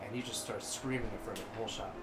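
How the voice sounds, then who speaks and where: A man's voice: lowish voice, steady tone, rapid-fire, reverberant, soft background music, low-quality recording. Rambling man telling crude stories. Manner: rambling crude anecdotes, acts out quoted voices. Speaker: podcast co-host. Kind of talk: casual storytelling chat.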